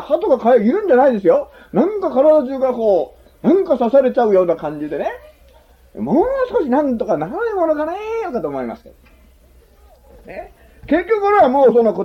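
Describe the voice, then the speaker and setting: A man's voice: high voice, husky, lo-fi sound. A man preaching a sermon in a chatty, humorous way, often asking his listeners questions. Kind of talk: sermon to a congregation.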